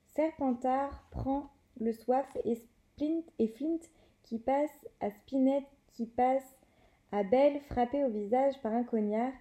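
A woman reading a storybook aloud, voicing a teasing schoolboy commentator calling a match with lively play-by-play. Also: sits high, slow. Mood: excited. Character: excited boy match commentator.

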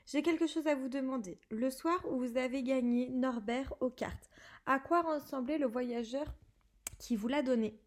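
A woman's voice: high-pitched, normal speed, lightly acted. A woman voicing an earnest young schoolboy wizard who presses his questions urgently.

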